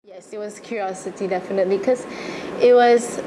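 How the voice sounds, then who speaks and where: Recalling her own experiences in a casual interview, a young adult woman with a Malaysian accent comes across as earnest and chatty. Her medium-pitched voice has fairly even intonation and a fairly quick pace. Background noise and ambience are noticeable throughout.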